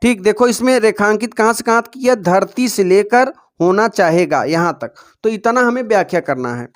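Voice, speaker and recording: A man's voice: high-pitched, animated. A man teaching students how to write board exam answers, calling them dear children and often telling them to pay attention. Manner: recites verse slowly and deliberately. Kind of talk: exam-prep lesson for students.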